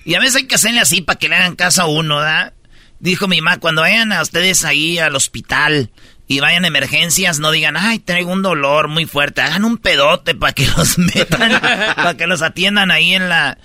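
A man's voice: on the high side, brisk, sharp tone, dry recording. A Mexican man hosting a comedic news chat, slangy and joking, acting out voices. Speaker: host.

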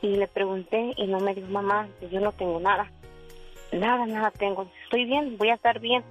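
A woman's voice: medium pitch, fairly even intonation, normal speed, soft background music. A woman in her forties calling into a radio show, telling a personal story at length and quoting the lines of the people in it. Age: 40s. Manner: rambling storytelling, quoting dialogue. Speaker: caller. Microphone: telephone. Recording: dull phone line.

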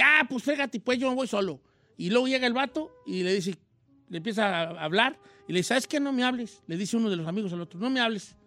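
A man voicing a joking old host with a Mexican accent, chatting casually on radio in a high, slangy, rambling voice. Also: pushed and bright, full character voice. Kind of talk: casual radio chat, film recommendations.

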